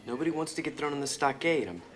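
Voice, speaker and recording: An actor playing an earnest young American agent who talks in a quick, placating way, with an American accent. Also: male voice, fairly high pitch, animated, a bit bright. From United States. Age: young adult.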